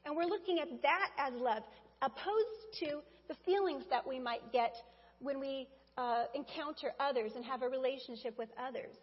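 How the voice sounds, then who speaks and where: Speaking straight to the congregation in a church sanctuary, a woman delivers a Mother's Day sermon in a conversational way. Her voice is high-pitched and husky, at a normal speed. The sound is dull, with a long hall reverb.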